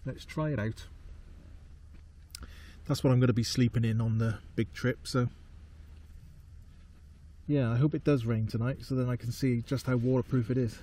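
A man in his forties, a camping vlogger, talking to a handheld camera in a laid-back, low-key way in a field. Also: fairly even intonation, normal speed, long pauses, mellow. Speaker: outdoor vlogger. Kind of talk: casual solo camping vlog. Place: tarp shelter in a field at night, then walking outdoors. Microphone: handheld camera close up.

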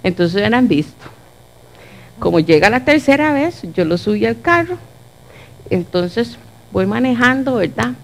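A middle-aged woman with a Costa Rican accent, giving a lively testimony to a church audience and acting out the dialogue. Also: on the high side, unhurried, gravelly, long pauses. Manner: animated storyteller acting out dialogue. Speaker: church speaker.

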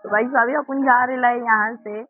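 A man, giving loud, excited commentary on his own gameplay as a channel host and calling out to his opponent. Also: extremely high pitch, moderate pace, no room sound, narrow, tinny audio. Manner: loud, exclamatory, bossing his opponent around.

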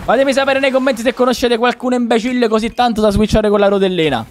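A young man with a sore throat, teasing a friend in excitable gaming commentary. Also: extremely high pitch, fast. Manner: teasing, excitable, shouts at gameplay. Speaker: streamer host.

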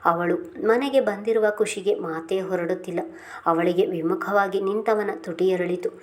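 A woman reading a serialized romance novel aloud in a steady, unhurried way. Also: mid-range voice. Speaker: narrator.

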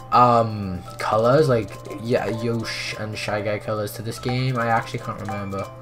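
A teenage boy streaming a racing game and chatting with viewers, his breaking voice cracking as he goes. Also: mid-range voice. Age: teens. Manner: excitable, chatty, prone to voice cracks. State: voice breaking with puberty. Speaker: gaming streamer. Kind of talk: live gameplay commentary.

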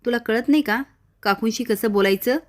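A woman's voice: on the high side, normal speed, natural voice. Insistent young man standing his ground, voiced by a woman narrator. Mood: firm.

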